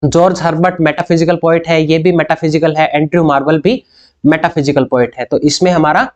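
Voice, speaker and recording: A man from India tutoring literature students for an exam. He reads each English question slowly and deliberately, then explains it briskly and keeps checking in with rhetorical questions. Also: a little high, darkish tone. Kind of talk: exam-prep lecture mixing Hindi and English.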